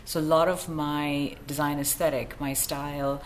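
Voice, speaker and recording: A woman raised in Kuwait, introducing herself on a design panel in a low, chatty voice with plenty of filler words. A faint hum of the room sits behind her. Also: level tone, normal speed. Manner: chatty, self-deprecating, with fillers. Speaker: interior design firm owner.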